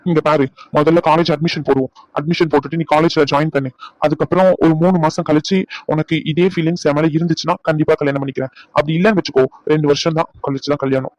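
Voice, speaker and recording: A man's voice: fairly high pitch, steady tone, quick pace, darkish tone, no echo, close to an everyday voice. A man playing a bossy teasing young doctor. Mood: coaxing. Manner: teasing, scolding banter. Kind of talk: dubbed serial drama. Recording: dull dry recording.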